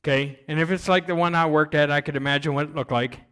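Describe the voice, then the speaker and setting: A man preaching a sermon on missions, telling stories with energy that swings between loud emphasis and quiet. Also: a little high, fairly even intonation, quick pace, clear, resonant tone. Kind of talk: sermon with storytelling.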